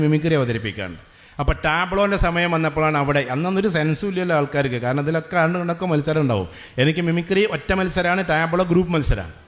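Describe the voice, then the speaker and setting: A man gives a motivational speech at a school, telling stories to students and teachers and slowing down to stretch words for emphasis. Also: a little high, a bit bright. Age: 40s. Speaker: guest speaker at a school.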